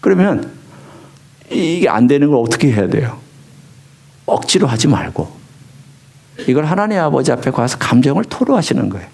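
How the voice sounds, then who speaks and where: A man preaching a sermon as pastor, swinging from low hushed lines to high emphatic ones. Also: very animated, moderate pace, gravelly, pauses often, breathy edge. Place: church sanctuary.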